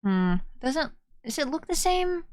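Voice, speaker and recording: A woman giving casual, chatty, excitable commentary as she plays through a video game. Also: high voice, a little slow, no room sound, studio quality. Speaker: gamer playing through and reacting.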